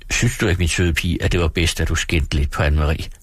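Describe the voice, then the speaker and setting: A man reading the lines of a young husband who reasons gently and earnestly with his wife. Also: a bass voice, fairly even intonation, breathy edge, dry recording, clean studio sound, full character voice. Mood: gentle coaxing.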